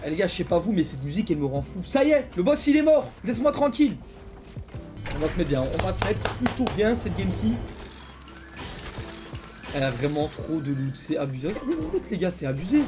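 A young man commenting his own gameplay, excitable and slangy, taunting the players he fights. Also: on the high side, fast. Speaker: gaming YouTuber. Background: game music and gunfire.

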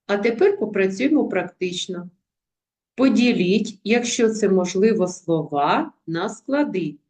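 Woman, primary school teacher, video lesson, slow delivery, words sounded out by syllable. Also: medium pitch, animated, a little mellow. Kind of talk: video lesson for young pupils.

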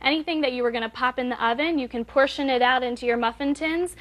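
A woman's voice: high voice, quick pace, fairly bright tone. A young woman nutritionist explaining kitchen tools on a live morning TV segment, upbeat and step by step, recorded on a lapel mic in a studio kitchen set. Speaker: nutritionist guest.

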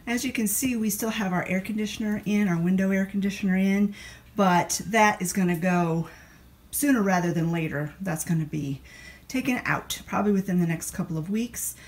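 Filming on a handheld phone, a home vlogger narrates her cleaning routine inside her country home, moving through plant-filled rooms and a kitchen. She's middle-aged, speaks at a moderate pace in a medium pitch, and talks casually, explaining as she works and frequently starting sentences over.

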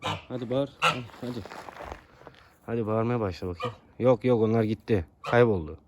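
A man's voice: on the low side, normal speed, noisy background. A man keeping geese, talking to them affectionately like children while filming them outside. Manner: coaxing, talks to his geese like children. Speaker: goose keeper filming his geese. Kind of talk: casual vlog talk to animals. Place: outdoors among geese.

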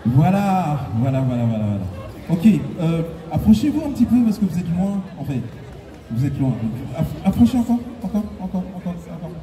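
Talking a bit fast with big swings in his highish pitch, a singer hosting a convention concert jokes with the audience. He teases, laughs a lot and keeps urging the crowd on from the large indoor stage. The sound is an echoey, far-off PA from his handheld mic, filmed in the audience amid loud cheering.

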